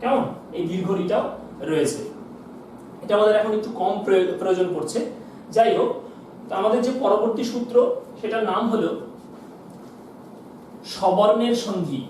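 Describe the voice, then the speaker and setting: A man's voice: sits high, moderate pace, long pauses, a little mellow. A male teacher giving a classroom lesson at the board, explaining step by step and asking his class questions he then answers himself. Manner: explains step by step, asks and answers his own questions, often says "কেমন?". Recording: echoey room, voice from far off, faint hiss.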